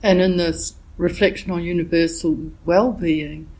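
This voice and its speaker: A woman meditation teacher giving a dharma talk while she has a cold, reflective and gently searching for her words. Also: lowish voice, steady tone, poor audio. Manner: reflective, unhurried, gently searching for words with frequent "yeah" and "you know". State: has a cold, voice a bit thick.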